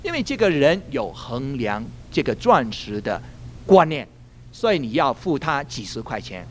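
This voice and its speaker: A male pastor preaching a sermon, telling a story in an animated way and laughing at his own jokes. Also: medium pitch, moderate pace, a little hiss or hum.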